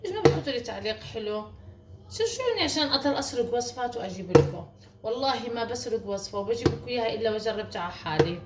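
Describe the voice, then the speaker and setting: Chatty fast-talking woman from Morocco, echoey kitchen. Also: on the high side, expressive, very noisy. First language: Moroccan Arabic. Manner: chatty, repeats words, coaxing viewers with endearments. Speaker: home recipe vlogger. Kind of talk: casual chatty home tutorial. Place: home kitchen. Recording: roomy echo, voice heard from a distance.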